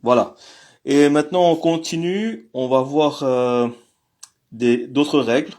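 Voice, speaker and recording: A man teaching a language lesson online, talking in a halting way with many fillers and restarts. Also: mid-range voice, a little mellow. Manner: apologetic about technical glitches.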